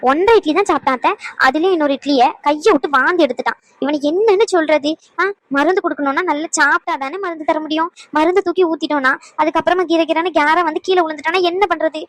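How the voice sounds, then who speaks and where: A woman voicing an anxious young mother in a cartoon, complaining fast about her sick child. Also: high voice, dry recording, natural voice. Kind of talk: cartoon voice acting.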